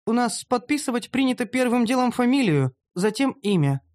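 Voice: medium pitch, big pitch swings, moderate pace, darkish tone, pitched above the performer's own voice, natural voice. A narrator voicing a timid, earnest young female gnome who explains things carefully. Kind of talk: audiobook character voice.

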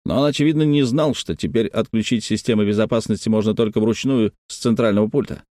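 A gruff, irritable male engineer from an audiobook, as a man reads him. He talks bluntly with a grumbling edge, in a fairly low voice lifted only a little. The sound is dry and close. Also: fast talker, warm tone, dry recording, close to an everyday voice. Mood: grim, blunt.

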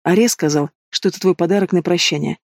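A man's voice: high voice, fast talker, vocal fry, dry recording, clean studio sound. A man voicing a frightened but defiant young pregnant woman in an audiobook. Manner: sharp and defiant.

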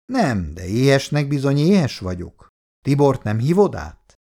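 A man's voice: mid-range voice, sing-song, warm tone. A jovial, commanding older father who talks heartily and insists on getting his way, his voice rising and falling widely, as a man reading a story aloud puts him on. He sounds bossy and good-humoured. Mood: hearty.

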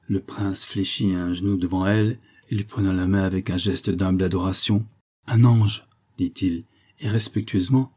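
A man narrating an audiobook of a classic novel in a measured, literary way. His voice is low, dark and mellow, with a husky grain.

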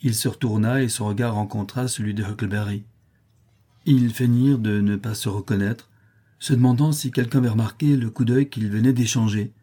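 Reading a classic novel as an audiobook narrator, this man keeps a steady, measured pace. His pitch is fairly low.

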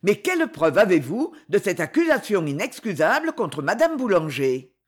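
A man's voice: high voice, wildly swooping pitch, normal speed, slightly rough, exaggerated voice. A reader voicing a flustered male court president who speaks as if choking. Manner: strained, as if choking.

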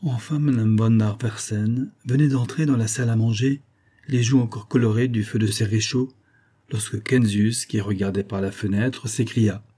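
A man narrating a classic novel in a measured storytelling manner. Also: fairly low pitch, fairly even intonation, mellow, breathy edge. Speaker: audiobook narrator.

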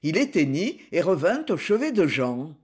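A man narrating a literary audiobook in an expressive, measured reading style. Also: fairly high pitch, husky.

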